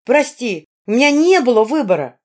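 Woman doing a furious young woman, shrieking, jealous, wild pitch swings. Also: very animated, normal speed, darkish tone. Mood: desperate. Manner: shrieking, raging. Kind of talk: audiobook character voice.

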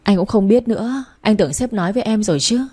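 A woman's voice: mid-range voice, quick pace, warm tone, husky, natural voice. A woman voicing a young man, a boss's easygoing assistant, in a story reading. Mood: matter-of-fact.

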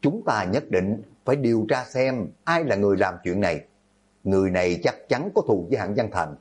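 A man's voice: fairly low pitch, expressive, fairly quick, husky. A man voicing a level-headed teenage student who firmly takes charge, in a horror audiobook. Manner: firm, commanding.

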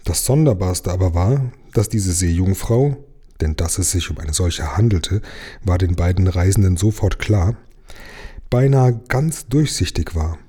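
A man reading a children's book aloud in a steady, expressive storytelling voice. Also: sits low, unhurried, breathy edge. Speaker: reader.

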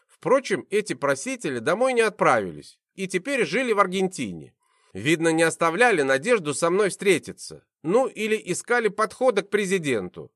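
A man reading a first-person audiobook in an expressive, animated way, into a close studio mic. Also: high voice, no echo. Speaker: audiobook narrator.

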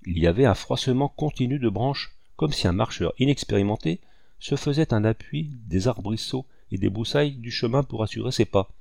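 A man reading a novel aloud as scripted narration, in a measured, descriptive way. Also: mid-range voice, lively intonation, vocal fry, darkish tone, no room sound, studio quality. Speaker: audiobook reader.

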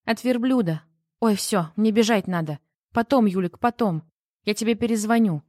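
A woman reading the part of a bossy sister in a hurry, talking briskly and impatiently in an audiobook. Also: medium pitch, a little mellow, no room sound, clean studio sound, natural voice.

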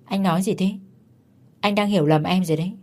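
A woman's voice: lowish voice, steady tone, quick pace, darkish tone, close to an everyday voice. A woman voicing a frightened young wife who defends herself and pleads with her husband. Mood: pleading.

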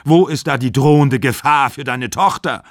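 A man playing a furious, wounded aging actor in his sixties who shouts bitter accusations down the phone. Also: mid-range voice, lively intonation, normal speed, dry recording, studio quality, natural voice.

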